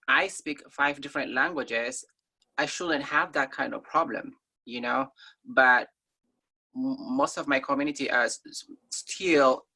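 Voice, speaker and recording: A woman's voice: rumbling low, bright, forceful tone. A woman from Somalia, a guest in a conversational interview, talking in an earnest, thoughtful way with frequent ums.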